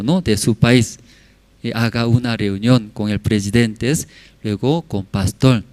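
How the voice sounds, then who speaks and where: A man's voice: medium pitch, a little mellow, no room sound. A man preaching, telling a story and checking in with tag questions. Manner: frequent tag questions to the audience. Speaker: pastor. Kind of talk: sermon storytelling.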